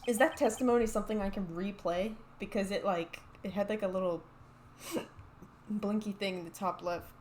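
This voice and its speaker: A woman's voice: medium pitch, steady tone, moderate pace, darkish tone, a little hiss or hum. A woman streaming a game with casual commentary, hesitantly thinking aloud as she goes.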